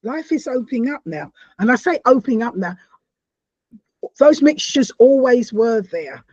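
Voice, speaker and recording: A South American woman hosts a conversational podcast interview, her slightly high voice carrying a husky edge. She is halting, stopping and restarting phrases and repeating words, then bursting into bright, animated exclamations. The recording is dry and somewhat dull.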